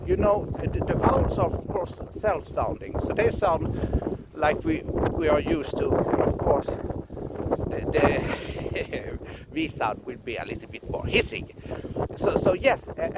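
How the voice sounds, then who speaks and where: Halting man explaining runes. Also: fairly high pitch, background noise. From Scandinavia. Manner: halting, repeats words, laughs often. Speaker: runologist teacher. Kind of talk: casual explanatory lesson.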